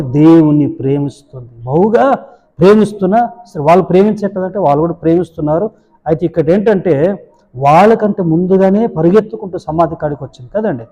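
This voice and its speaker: A man's voice: sits high, warm tone, big-room sound, rough recording. A male pastor giving a daily devotional sermon, fervently retelling scripture with rising emotional emphasis.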